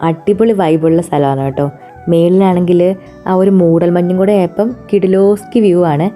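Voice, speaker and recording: Speaking at a moderate pace, a travel vlogger with a Malayali accent keeps a steady, warm tone in a fairly low voice. She narrates casually in Malayalam laced with English words, with music beneath her.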